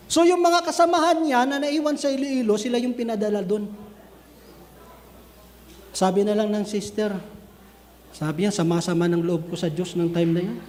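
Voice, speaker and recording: A man with a very high voice preaches an animated sermon and acts out little scenes for his listeners. The sound carries a long reverb, as if from a hall. A faint hum of room ambience sits behind him. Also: normal speed, pauses often. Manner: switches between Filipino and English, addresses listeners as brethren. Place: church cell group gathering.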